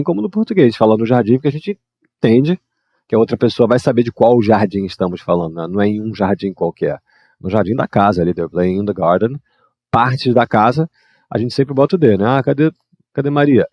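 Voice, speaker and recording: A man from Brazil teaching English grammar, explaining exercises at a quick clip and reading model sentences slowly. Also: on the low side, dry recording. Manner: lively, switches between explaining and slow model sentences. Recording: dry, dull lo-fi mic.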